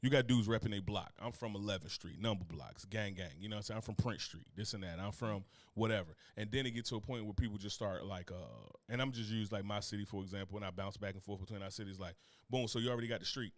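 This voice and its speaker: A man with a lowish voice talks fast on a dry recording. He's a podcast co-host from Newark, New Jersey, rambling through casual chat in a loose, profane, laughing manner.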